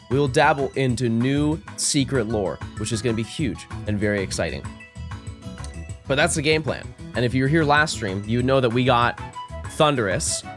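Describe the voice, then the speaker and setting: A man livestreaming through a headset mic with a sore throat. He swings between hyped shouting and mock-sad mumbling. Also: a little high. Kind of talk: casual livestream chat. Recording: game music playing behind.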